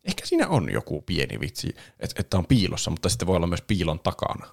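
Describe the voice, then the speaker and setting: A man with a low voice and a gravelly edge talks through a film in a relaxed podcast chat. He laughs easily and sometimes slips into quick imitations of characters. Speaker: podcast host. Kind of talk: casual chat reviewing a film.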